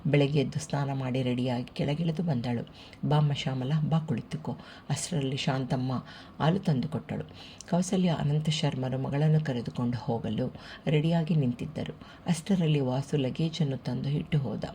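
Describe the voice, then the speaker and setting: A steady, unhurried audiobook narrator reading a family novel. The voice sits at a middle pitch with a dark, mellow colour. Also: a little hiss or hum.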